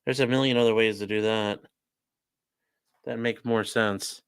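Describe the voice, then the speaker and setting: With a fairly low, clear, resonant voice, a streamer and legal commentator reads viewer comments while building a model on a casual livestream. He speaks at a measured pace with fairly even intonation, joking and sarcastic, addressing chat directly in an offhand way.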